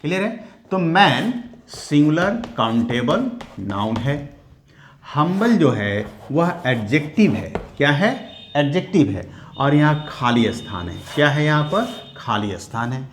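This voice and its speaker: A man teaching a grammar lesson, who explains slowly and repeats each point as a question to his students. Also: fairly high pitch, sing-song, a little hiss or hum. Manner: slow, repeats key words as questions to the class. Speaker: English teacher.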